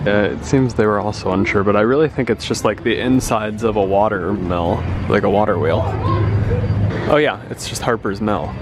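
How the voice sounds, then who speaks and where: A man's voice: lowish voice, normal speed. A man giving casual, easygoing and upbeat vlog commentary while out at a theme park. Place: walking around a theme park. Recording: very noisy park ambience around voice.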